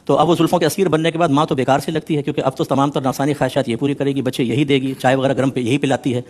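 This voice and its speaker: A man's voice: mid-range voice, steady tone, a little mellow. Earnest male scholar explaining scripture. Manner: earnest, explanatory, with teasing asides; mixes English words into his talk. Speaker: Islamic scholar. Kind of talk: religious discourse explaining a Quran verse.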